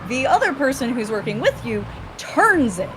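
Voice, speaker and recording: A woman telling stories casually as a guest on a game stream, sweary and animated, with little acted-out asides. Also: high-pitched, moderate pace. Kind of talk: casual chatty storytelling. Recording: clear background noise.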